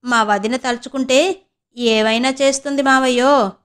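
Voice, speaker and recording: A woman voicing a quick-tongued young student niece who chats, teases and grumbles to herself. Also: high voice, fairly even intonation, clean tone. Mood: cheeky. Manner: chatty, teasing, grumbling asides.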